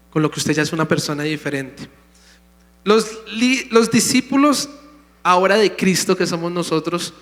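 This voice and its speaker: A man's voice: a little high, a bit bright. A pastor preaching a sermon, emphatic, calling out to his congregation in a church sanctuary. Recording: long hall reverb.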